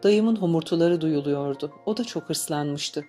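A woman reading a novel aloud as an audiobook narrator, in calm, measured storytelling. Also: deep voice, soft background music. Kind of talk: scripted narration.

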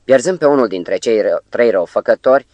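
A man narrating an audiobook in a measured, even storytelling manner, close to the mic. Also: medium pitch, no echo, highs cut off. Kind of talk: scripted narration.

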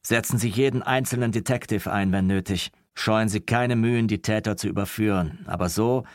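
A man's voice: on the low side, normal speed, no room sound, studio quality, lightly acted. A man voicing a stern police commissioner who gives firm orders to a captain in an audiobook. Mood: commanding. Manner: commanding, firm.

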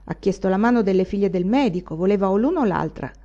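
A woman's voice: medium pitch, expressive, quick pace, dark tone, muffled recording. A woman voicing a tipsy, ragged old village woman who gossips in a wheedling way. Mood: gossipy.

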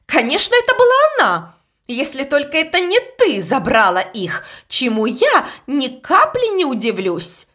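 A woman's voice: sits high, wildly swooping pitch, moderate pace, sharp tone, voice pushed up, heavily acted. A woman voicing a strict, suspicious governess who snaps out accusations. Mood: angry, accusing. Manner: snapping, accusing.

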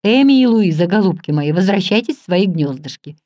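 Casting: woman voicing commanding gentleman in a storybook, firm and soothing, mellow dark tone. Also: lowish voice, expressive, fairly quick, no room sound, clean studio sound, close to an everyday voice. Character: commanding gentleman master of the house.

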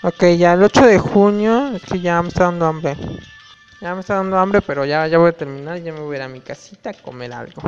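A young man tells gossipy stories about his classes, casual and full of fillers. The recording sounds dull and lo-fi, with a long reverb and faint music in the background. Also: high-pitched. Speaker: student vlogger. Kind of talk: casual storytelling.

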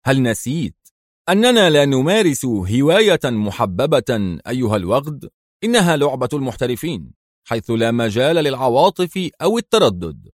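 A man voicing a calm, sarcastic secret agent hero. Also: medium pitch, moderate pace, no echo, clean studio sound, pitched above the performer's own voice. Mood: sardonic. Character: cool, sardonic male secret agent hero.

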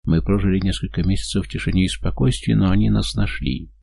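A man's voice: low-pitched, steady tone, fast talker, creaky, a little mellow, slightly rough, no echo, full character voice. A man voicing a frightened, tearful young woman who pleads and sobs with a breaking voice. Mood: confessing.

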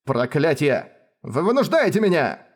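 A loyal royal advisor shouts urgent commands to protect his princess, voiced by a man reading an audiobook. His voice is raised and forceful. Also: a little high, very animated, measured pace, slightly rough, heavily acted.

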